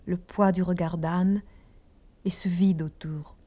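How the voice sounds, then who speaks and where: Woman reading a novel aloud, dark mellow voice, soft and hushed, drifts into whispers. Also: fairly low pitch, fairly even intonation, husky. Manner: slow and hushed, slipping often into a whisper. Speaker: audiobook narrator. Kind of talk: first-person novel reading.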